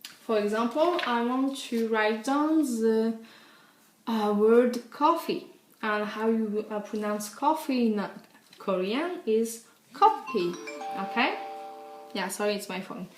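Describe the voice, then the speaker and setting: Slow, patient woman in an echoey room. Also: fairly high pitch, faint music behind. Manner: patient, repeats "okay?" often. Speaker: language teacher. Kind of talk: casual tutorial.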